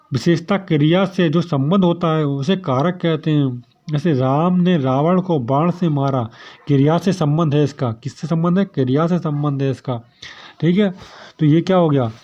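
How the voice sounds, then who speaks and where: A man's voice: fairly high pitch, darkish tone. A man teaching a grammar lesson for exam preparation, who keeps asking questions and answering them himself. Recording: dull lo-fi sound.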